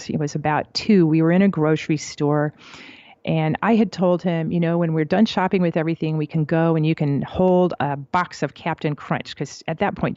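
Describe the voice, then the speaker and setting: Middle-aged woman telling a story on a podcast, lowish voice, dry muffled sound. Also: dry recording. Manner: animated storyteller, acts out quotes. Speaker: guest psychologist. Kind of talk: conversational interview storytelling.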